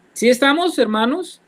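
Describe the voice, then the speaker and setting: A man's voice: extremely high pitch, a bit bright, rough recording. A man with a Colombian accent leading a Bible study, explaining verses patiently and asking the group questions. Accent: Colombian Spanish. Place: church, class also joined online.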